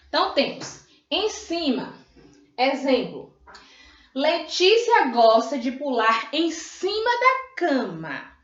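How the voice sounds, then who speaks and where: A woman from Brazil, a primary school teacher, giving a grammar review lesson and slowly drawing out syllables to model them. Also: sits high. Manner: slow, drawn-out modelling of syllables, often says "ó" and "né". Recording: echoey room, dull lo-fi sound.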